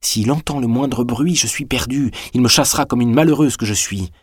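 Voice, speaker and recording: A man's voice: medium pitch, fairly quick, breathy edge, no room sound, studio quality, voice pushed up, lightly acted. A man reading aloud, voicing a young woman torn between love and shame, with a tearful, pleading delivery. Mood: anxious.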